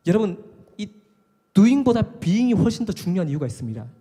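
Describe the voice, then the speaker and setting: High-voiced man preaching in a reverberant hall. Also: normal speed, breathy edge. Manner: animated, conversational preaching with mimicked voices. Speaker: worship leader preaching. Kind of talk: live sermon. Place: live worship service in a hall.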